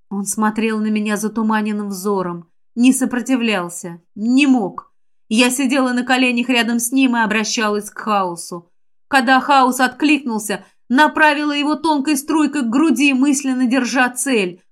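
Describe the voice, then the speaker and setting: A woman narrates a first-person fantasy audiobook with a high, clear voice. Her reading is emotional and expressive, and her pitch rises in the tense passages.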